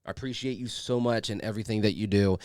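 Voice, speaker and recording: A man hosting a podcast with casual, sweary, rambling chat and sponsor reads, in an excitable manner. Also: fairly low pitch, quick pace, no echo, studio quality. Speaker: podcast host.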